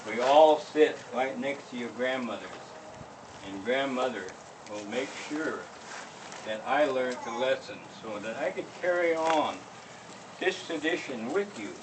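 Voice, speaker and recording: Older guy, elder telling a story to a group, emphatic, recorded from far off w lots of background noise. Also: mid-range voice. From Northern California. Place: living history school gathering, plank house.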